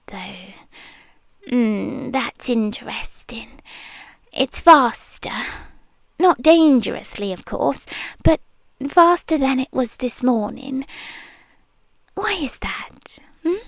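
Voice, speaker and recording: A woman with a British accent uses a slightly high, exaggerated voice to play an obsessive, possessive young nurse in a whispered ASMR roleplay. She speaks in a slow, intimate, teasing murmur and purr with frequent whispers, and there's no room sound.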